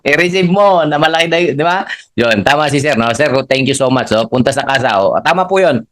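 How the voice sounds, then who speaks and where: A man leading a live motivational training, animated and laughing often, guiding the audience through spoken affirmations. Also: fairly quick. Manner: animated, laughing often, swings pitch up for emphasis. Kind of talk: live training talk, Taglish.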